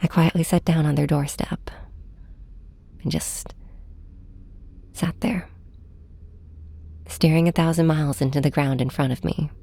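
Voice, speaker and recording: A woman acts the part of a wounded, heartbroken young flying superhero in a full character voice that sits low and holds a steady tone. Her narration, first-person audio drama with an ASMR edge, is soft, breathy and hushed, hesitant and halting, sounding hurt and subdued as she confides in her nemesis and snaps at them.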